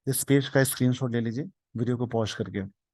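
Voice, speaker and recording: A man's voice: medium pitch, darkish tone, no room sound. Man explaining English vocabulary. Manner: reads English slowly word by word, then explains quickly. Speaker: teacher. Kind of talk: explaining an English newspaper editorial.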